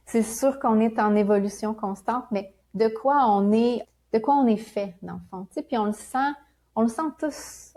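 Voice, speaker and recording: A woman from Quebec with a Québécois accent, a spiritual guest talking in a gentle, reflective way and laughing often. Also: fairly high pitch. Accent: Québécois French. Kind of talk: casual conversational interview.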